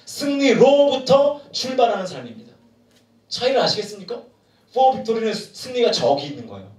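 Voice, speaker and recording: Male pastor, sermon, joking and animated, lively pitch, distant roomy recording. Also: moderate pace. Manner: animated, humorous, asks the crowd questions. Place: large room at a retreat. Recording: echoey room from far off.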